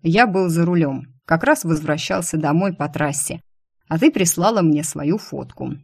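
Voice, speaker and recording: A woman reading an audiobook, voicing a male boss who teases and mocks, sometimes shouting. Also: on the high side, lively intonation, normal speed, gravelly, husky, exaggerated voice. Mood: mocking. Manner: mocking, playfully teasing, bursts into yelling. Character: teasing, mocking male boss, quick to shout.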